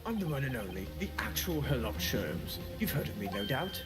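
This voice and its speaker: A man's voice: mid-range voice, very animated, fairly quick, lightly acted. A man voicing a pompous, boastful male detective with theatrical old-fashioned phrasing. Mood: grandiose. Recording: loud game music behind.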